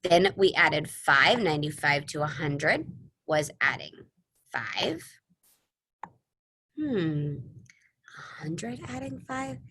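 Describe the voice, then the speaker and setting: Animated kindergarten teacher woman, bright voice. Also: low-pitched, slow pace, pauses often, slightly rough. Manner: kindergarten-teacher voice: exaggerated, sing-song encouragement to young children; poses questions and answers them herself. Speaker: elementary school teacher. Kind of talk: children's math lesson to camera.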